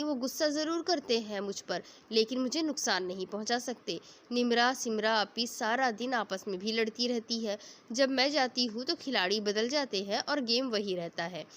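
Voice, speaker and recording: A woman's voice: on the high side, moderate pace, fairly bright tone, natural voice. A woman reading as a chatty teasing young girl. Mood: playful. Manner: playful, bossy chatter.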